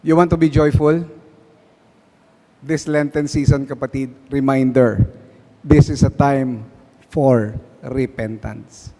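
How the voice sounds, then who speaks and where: A man's voice: medium pitch, fairly even intonation, takes it slowly, long pauses, dark tone. A man with a Filipino accent preaching a sermon at a prayer meeting, often asking his listeners questions. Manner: switches between Tagalog and English, asks the crowd questions. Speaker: guest preacher. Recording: long hall reverb.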